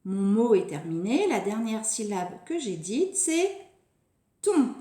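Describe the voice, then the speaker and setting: A woman teaching a phonics lesson to young children, stretching and repeating each word slowly and deliberately. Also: mid-range voice, very animated, warm tone. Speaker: preschool teacher. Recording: echoey room.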